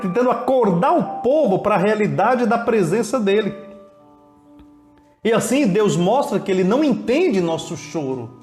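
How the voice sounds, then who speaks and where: A man's voice: high-pitched, a little mellow. A man preaching a sermon as pastor, with impassioned repeated refrains that build to exclamations. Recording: roomy echo with faint music behind.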